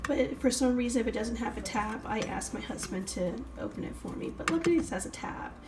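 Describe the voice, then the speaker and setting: A woman with a cold talks casually to her vlog viewers in a fairly high voice. She explains each step while her hands are busy in her home kitchen. Noise is clearly audible behind her. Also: animated, a little fast, echoey room. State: has a cold. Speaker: vlogger showing a cooking routine. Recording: noisy home kitchen recording.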